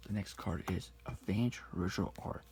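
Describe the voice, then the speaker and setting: A man speaking very quietly, sometimes whispering, close to the ear in an ASMR style, reading things out slowly. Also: low voice. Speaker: ASMR card collector showing a deck. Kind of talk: quiet ASMR talk, soft-spoken to whispered. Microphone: close-up ASMR mic.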